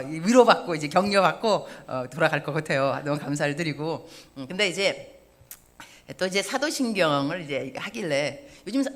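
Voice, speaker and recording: 50대 여성 선교사가 교회 예배에서 농담을 섞어 가며 유쾌하게 설교한다. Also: female voice, on the low side. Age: 50s. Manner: lively, joking and self-mocking. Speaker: missionary preacher. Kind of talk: sermon. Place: church service.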